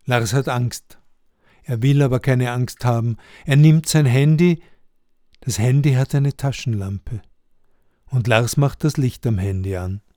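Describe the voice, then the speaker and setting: A man's voice: medium pitch, a little slow, mellow, no room sound, clean studio sound. A man narrating a simple ghost story for learners in plain, short sentences.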